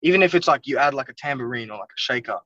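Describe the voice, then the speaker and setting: In a relaxed interview from a car, a young music producer from Wales goes on at length, his talk stuffed with "like" and "you know what I mean." He sounds animated and racing, with a fairly bright tone, in a dry recording. Sitting back from the phone or laptop camera on a dull, low-fidelity video call, he comes across a little distant.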